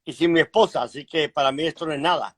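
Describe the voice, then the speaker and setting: A man's voice: on the high side, a little hiss or hum. Man telling his story on a call. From Cuba. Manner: frank, measured, frequent hesitations and throat clearing. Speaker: guest author. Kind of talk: conversational interview storytelling. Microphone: video call.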